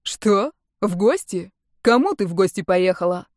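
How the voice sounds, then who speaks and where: A woman's voice: medium pitch, animated, fairly quick, dark tone, no room sound, studio quality, natural voice. A woman reading aloud voices an agitated young man who fires off pushy, demanding questions. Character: angry, worried young man, a fiancé.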